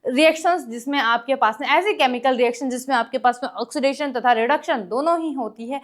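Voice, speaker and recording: A woman teaching an exam-prep lesson. She explains each step and keeps asking the class questions, reads English question text slowly, and coughs now and then. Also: high voice.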